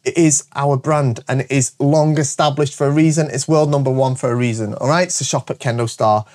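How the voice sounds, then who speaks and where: Mid-range in pitch and a little fast, a show host and shop owner delivers a casual promotional monologue to camera through a cold-clogged, stuffy voice. He stays energetic and jokey, often tagging "all right?" onto his points.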